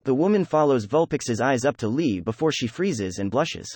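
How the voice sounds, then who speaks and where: A man narrating a fan fiction audiobook in an even storytelling delivery. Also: mid-range voice, moderate pace, slightly rough, no echo, studio quality. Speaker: audiobook reader.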